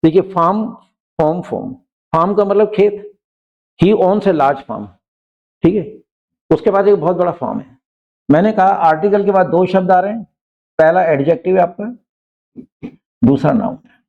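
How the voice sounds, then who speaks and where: A man teaching an English grammar lesson, explaining patiently and reading example sentences slowly, often checking in with his students. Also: high-pitched, gravelly, muffled recording. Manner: frequently checks in with listeners.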